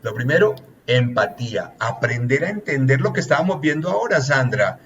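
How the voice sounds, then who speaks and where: A man's voice: medium pitch, sing-song, normal speed, fairly bright tone, slight background noise. A man, a relationships consultant giving an earnest, teacherly coaching talk that lists points one by one.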